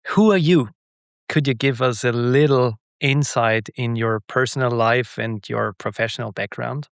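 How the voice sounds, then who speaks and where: Gravelly-voiced male podcast host. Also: mid-range voice, normal speed, no room sound, clean studio sound. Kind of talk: podcast interview questions.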